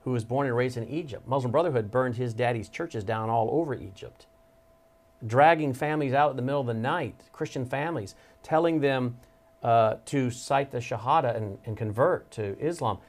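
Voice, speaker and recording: A man's voice: medium pitch, normal speed. A man hosting a television talk show, speaking emphatically as he retells stories from earlier guests. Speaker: television host. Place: television studio.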